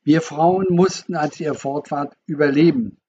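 A man reading the part of a wounded middle-aged mother with a soft, gentle voice, defensive and reproachful. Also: a little high, steady tone, a little slow, breathy edge, highs cut off.

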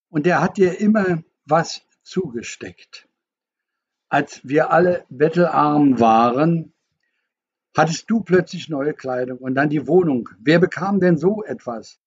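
A man's voice: on the high side, expressive, a little slow, a little mellow, breathy edge, highs cut off, heavily acted. A man voicing a stern, suspicious father. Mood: accusing. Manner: accusing, bitter, insistent. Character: stern, suspicious middle-aged father, a doctor.

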